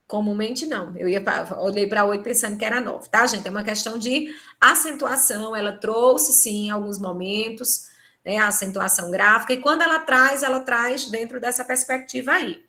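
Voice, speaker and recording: Over a computer microphone on a live video conference, likely from home or an office, a Brazilian Portuguese-accented woman runs an online exam-prep class. Her slightly high voice has a sharp tone and moderate pace. She breaks explanations into steps and uses tag questions to check understanding.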